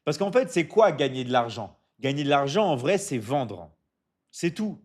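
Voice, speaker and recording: A man's voice: mid-range voice, big pitch swings, moderate pace. A man hosting a casual live stream, answering viewer comments and coaching with lots of "d'accord?" and restarts. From Michigan. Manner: repeats "d'accord?" often, stumbles and restarts, coaching tone.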